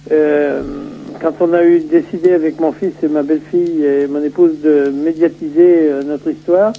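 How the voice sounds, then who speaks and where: A man in his sixties, a guest calling in to a radio show over a crackly phone line, speaking haltingly and often repeating words as he restarts his phrases. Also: fairly high pitch, flat delivery. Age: 60s. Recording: noisy lo-fi telephone line.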